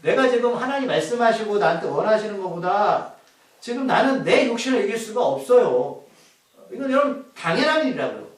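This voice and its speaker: A man's voice: high voice, very animated, fairly quick. A man preaching a sermon as pastor, asking the congregation questions as he goes. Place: church hall. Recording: echoey hall, voice from far off.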